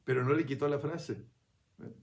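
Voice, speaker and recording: A man giving a reflective spiritual talk in a conversational, unhurried way. He keeps checking in with his listener and restarts his phrases as he thinks aloud. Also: medium pitch, steady tone, creaky, a little mellow. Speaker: spiritual speaker.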